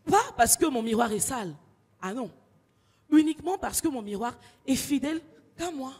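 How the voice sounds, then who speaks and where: A young woman from Congo doing stand-up comedy, telling stories in slangy animated bits. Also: high-pitched, moderate pace, slightly rough, long reverb tail. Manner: animated storytelling, street slang.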